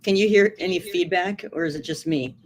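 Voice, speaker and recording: A woman's voice: on the low side, a little fast, slight background noise. A woman co-hosting a casual podcast chat over an online call, her audio glitching on her computer microphone. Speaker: co-host.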